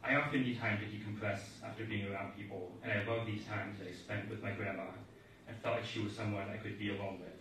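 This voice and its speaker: A grandson reads a eulogy in a steady, reflective manner at a memorial service. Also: male voice, lowish voice, fast. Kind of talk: read eulogy. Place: large echoey hall at a memorial service. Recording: echoey hall, voice from far off, faint noise.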